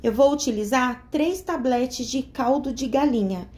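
A young woman from Brazil, speaking with a Brazilian Portuguese accent, vlogs a home recipe in a chatty, casual tutorial, describing every step and asking "tá?" often to check on viewers. Her voice is high and a bit mellow, her pace measured, with a faint hiss or hum underneath.

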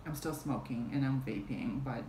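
A young woman with a very deep, mellow voice tells a story casually on camera at a normal speed, rambling with fillers and restarts. She's in a small room at home with a fan running, filmed at arm's length, so the sound is roomy with fan hum behind her.

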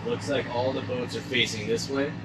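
A man's voice: mid-range voice, steady tone, normal speed, heavy background noise. A man narrating casually aboard a sailboat as he skippers it, matter-of-fact and explaining as he goes. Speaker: sailing vlogger and boat skipper. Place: aboard a sailboat on open water, outdoors. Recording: voice with background music. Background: music playing under the voice.

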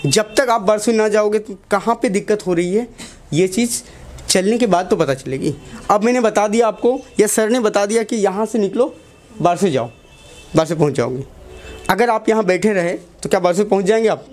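A man's voice: high-pitched, moderate pace, darkish tone. A young man, a teacher giving a motivational talk to students in a classroom, asking the class short questions and repeating key lines.

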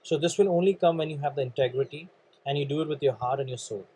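A slightly high-pitched man speaking Indian English, his voice husky and frayed by a nagging cough. He coaches listeners through a motivational training talk, earnest and repetitive, calling them "guys" as he drives each point home. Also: fast, mellow, poor audio. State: coughing, clearing throat. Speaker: sales and networking trainer.

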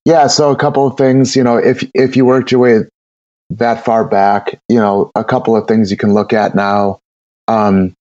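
A man's voice: lowish voice, level tone, moderate pace, darkish tone, dry recording, highs cut off. A man talking casually as a brewer guest on an interview podcast, rambling with many repeated words and fillers.

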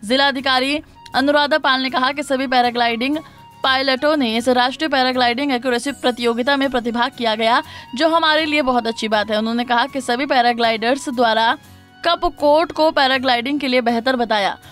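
High-voiced woman reading news narration. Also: a little fast. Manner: formal, even reading. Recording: voice-over with faint music behind.

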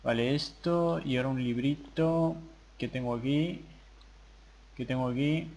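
A man's voice: mid-range voice, unhurried, darkish tone. Casual young man narrating his gameplay. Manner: casual, chatty, mutters to himself while playing. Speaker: gaming channel host. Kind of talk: gameplay commentary.

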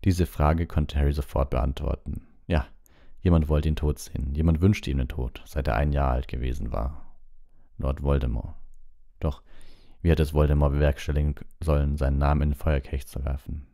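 A man reading a storybook aloud as an audiobook, in a calm, measured storytelling manner with small slips. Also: extremely low pitch, vocal fry. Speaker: audiobook reader.

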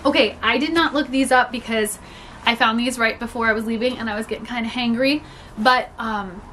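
Bright and forceful, her slightly high voice stays steady and fairly quick over slight background noise. The young woman, a reseller vlogger with a mild cold, chats casually and cheerfully about a thrift haul in a small home room with storage bins, often saying "like" and laughing.

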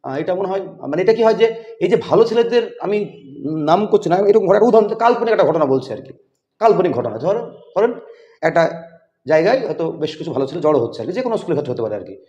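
A man's voice: high voice, very animated, rapid-fire, mellow. A man interviewing as podcast host, talking in a rambling way with many fillers. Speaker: interviewer, teacher. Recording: echoey, dull lo-fi room.

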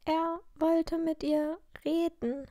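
A woman's voice: very high voice, level tone, slow, warm tone, no room sound, clean studio sound, pitched above the performer's own voice. A woman voicing a bold teenage head girl who talks urgently and gives orders. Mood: worried. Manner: urgent, commanding.

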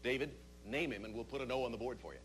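A man's voice: medium pitch, lively intonation, very fast. A middle-aged man hosting a television quiz show, reading out questions to contestants in a studio. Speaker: game show host. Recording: noisy vintage TV tape.

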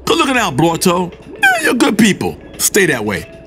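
A man's voice: high voice, wildly swooping pitch, moderate pace, over music. A man voicing a sarcastic, wisecracking male hero in video game dialogue. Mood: wry.

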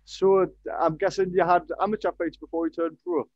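A man's voice: high voice, little pitch movement, fairly quick, no room sound, lo-fi sound. A young man hosting a casual podcast interview over a video call, chatty and upbeat. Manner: chatty, upbeat, says "brilliant" often. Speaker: podcast host. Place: home room with fight posters. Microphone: headset.

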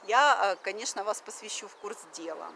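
Speaking fairly quickly with lively intonation, this woman from Russia, in her thirties, has a bright, forceful mid-range voice. She vlogs on a riverside wooden deck, talking chattily to a phone camera at arm's length, using lots of fillers and slipping into English. Faint background noise comes through the outdoor phone audio.

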